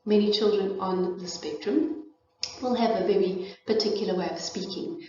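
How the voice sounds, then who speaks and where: A middle-aged woman presenting a parenting and child development talk speaks with a South African accent, a steady, warm tone, medium pitch and normal speed. Her informal delivery is thoughtful, peppered with fillers and restarts. A little hiss or hum sits under an echoey, distant, dull room recording.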